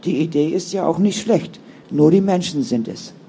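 A man's voice: a little high, expressive, normal speed, warm tone, slight background noise. A man voicing a firm, caring older sister who speaks in an earnest, sometimes stern way. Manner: stern then soothing, earnest.

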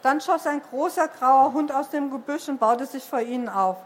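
A woman reading a children's book aloud at a bookshop event, lively storytelling with occasional slips. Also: high-pitched, moderate pace.

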